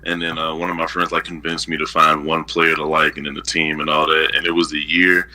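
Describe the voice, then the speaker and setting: Deep voiced dude telling hype stories, cusses a lot, real sharp tone. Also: male voice, brisk. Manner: animated, profane storytelling. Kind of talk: casual chat.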